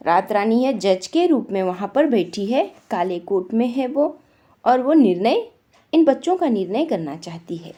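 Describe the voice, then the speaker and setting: A woman's voice: on the high side, sing-song, measured pace, warm tone. A woman teacher reading a textbook story aloud and explaining its words in simple terms.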